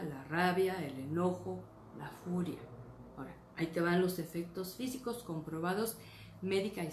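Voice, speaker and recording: A woman's voice: fairly low pitch, a little mellow, a little hiss or hum. Earnest woman pastor teaching. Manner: earnest, checks in with "¿sí?" and "¿verdad?". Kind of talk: teaching sermon. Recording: roomy echo, faint ambience.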